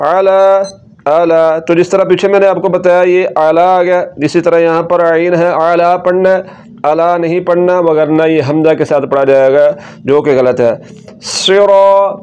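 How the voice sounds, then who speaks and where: High clear-voiced male tajweed teacher. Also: a little mellow, highs cut off. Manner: slow, drawn-out recitation of each word, then quick explanation. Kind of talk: Quran recitation lesson.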